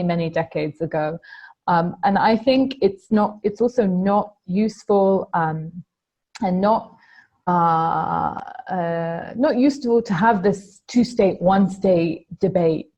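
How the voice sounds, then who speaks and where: A woman from Palestine giving a measured conference talk over a video call, with frequent ums and restarts. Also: fairly low pitch, dark tone, dull audio. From Palestine, Galilee. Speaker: panel speaker, political analyst.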